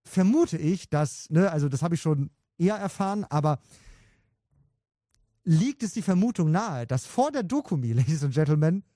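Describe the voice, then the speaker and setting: A man's voice: sits high, animated, normal speed, warm tone, dry recording, studio quality. A man co-hosting a commentary video, sharing insider gossip in a hesitant, casual way with many fillers. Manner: hesitant, filler-heavy, chuckling. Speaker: co-host sharing insider info.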